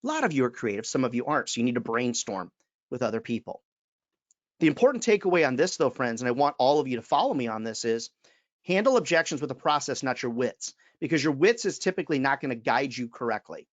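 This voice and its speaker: A man's voice: mid-range voice, very animated, fast, no echo. A man, giving an emphatic webinar talk as a sales trainer and calling his listeners friends. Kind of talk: webinar presentation.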